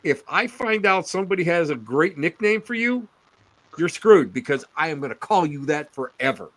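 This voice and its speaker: An older man from Western New York chatting casually on a podcast, animated and teasing, often laughing. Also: on the high side, moderate pace. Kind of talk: casual chat.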